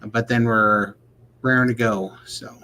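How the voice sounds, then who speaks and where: A man's voice: on the low side, fairly even intonation, a little slow, bright, forceful tone. A man co-hosting a casual livestream chat, rambling and laughing often. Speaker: livestream co-host.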